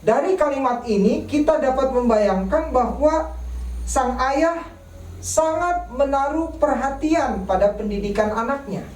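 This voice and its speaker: A woman preaching a sermon in church, speaking slowly and deliberately and asking rhetorical questions of the congregation. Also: high-pitched, lively intonation, a little mellow. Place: church service broadcast online. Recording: echoey church room, mic at a distance.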